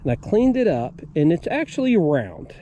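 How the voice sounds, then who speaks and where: American guy, pretty high voice, folksy outdoor vlog, walking viewers thru what he's doing. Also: huge pitch swings, normal speed, mellow, slight background noise. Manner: folksy, talks viewers through each step. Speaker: metal detecting video host. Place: outdoors at an old homesite.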